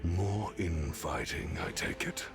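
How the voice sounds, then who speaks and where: Very deep, growling, gravelly sovereign. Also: male voice, expressive, exaggerated voice. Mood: stern suspicion. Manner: slow, commanding, formal. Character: stern, menacing male sovereign giving orders. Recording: game music behind the voice.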